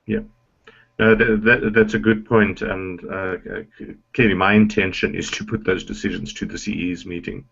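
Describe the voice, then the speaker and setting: A low, gravelly man with a husky edge chairs a committee meeting over a conference call. He talks in a halting, measured way, full of fillers, and the lo-fi call audio sounds muffled. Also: little pitch movement, fairly bright tone.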